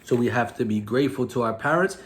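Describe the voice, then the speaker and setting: Clear background noise runs under this recording of a fast-talking religious teacher with an expressive, medium-pitched voice. Speaking to children in simple phrases, the teacher asks questions and prompts them to repeat.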